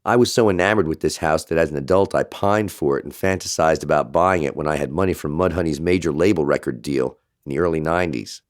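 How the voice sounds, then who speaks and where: A middle-aged man reads his own memoir in a deep, low voice. He keeps a steady, matter-of-fact tone. The recording is dry and close, with no room sound. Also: fast, few pauses, dry recording. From born in Texas, raised in Seattle. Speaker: audiobook narrator. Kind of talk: memoir narration.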